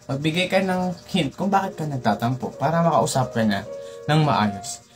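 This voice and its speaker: A young man hosting a comedic tutorial, lecturing playfully and jumping up in pitch for emphasis. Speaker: tutorial host.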